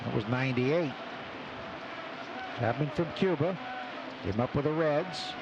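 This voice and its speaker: A man does live baseball play-by-play for radio from a ballpark broadcast booth, speaking a little slowly with lively intonation in a mid-range voice. He talks in clipped phrases with statistical asides. The live recording is muffled and loaded with loud stadium noise and clear ballpark ambience.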